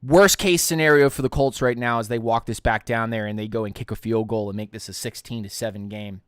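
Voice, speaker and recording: A young man hosting a live stream, giving excitable play-by-play commentary as he watches a football game. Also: medium pitch, brisk, smooth, dry recording, clean studio sound. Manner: excitable play-by-play, rising loud on big plays.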